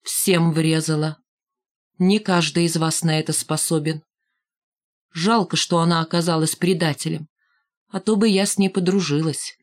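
A woman's voice: deep voice, fairly even intonation, normal speed, close to an everyday voice. A woman voicing a tough schoolgirl leader who speaks in a cold, commanding way. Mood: scornful.

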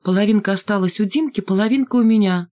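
A woman's voice: mid-range voice, fast, warm tone. A woman narrating a novel in the first person, reading expressively. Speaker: audiobook reader.

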